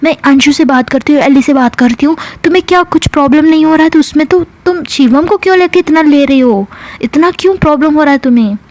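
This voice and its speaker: Woman putting on a high coaxing young woman. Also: fairly even intonation, unhurried, darkish tone, no room sound, close to an everyday voice. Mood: pleading. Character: young woman lover, calm, reasoning, coaxing.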